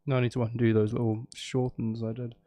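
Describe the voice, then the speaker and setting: Loud music sits behind this man's brisk, flat, medium-pitched voice as he live-streams while composing with guitar and other instruments. He chats casually, thinking aloud and repeating phrases to himself while he works.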